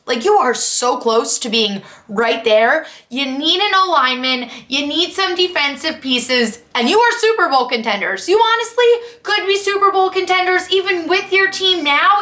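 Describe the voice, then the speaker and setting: A young woman giving casual, opinionated sports commentary in a chatty, expressive, emphatic way with slangy asides, recorded in an echoey room at home. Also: high-pitched. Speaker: sports vlogger and podcast host.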